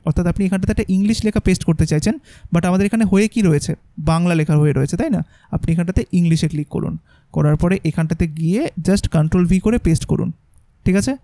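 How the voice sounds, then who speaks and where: A man, patiently walking viewers through a screen-recorded software tutorial step by step and often checking that they follow. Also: sits high, no echo, clean studio sound. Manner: patient, explaining step by step with frequent check-ins. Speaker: tutorial instructor.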